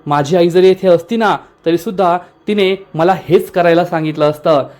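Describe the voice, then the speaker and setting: A man reading the lines of a young man who calmly tries to settle an argument. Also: high-pitched, moderate pace, close to an everyday voice. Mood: calm firm. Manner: calm, persuading. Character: young man, calm and firm.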